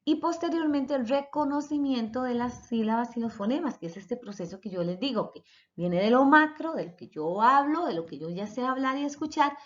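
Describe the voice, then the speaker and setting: A woman's voice: sits high, lively intonation, moderate pace. A woman teacher giving a recorded lecture, explaining step by step and sounding out letters and syllables. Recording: dull lo-fi recording.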